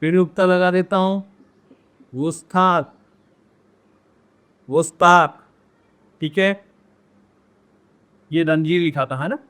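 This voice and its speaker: Man teaching grammar, repeating words slowly. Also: high-pitched, steady tone, clean tone. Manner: addresses viewers directly with frequent "है ना?". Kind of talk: classroom-style grammar lesson.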